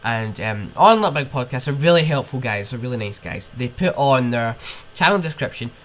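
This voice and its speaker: A man's voice: mid-range voice, lively intonation, fairly quick, a bit bright, a little hiss or hum. A young man with a cold, hosting a podcast on his own and ranting in rambling, casual chat, with sniffs and swearing. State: ill with a cold. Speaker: podcast host.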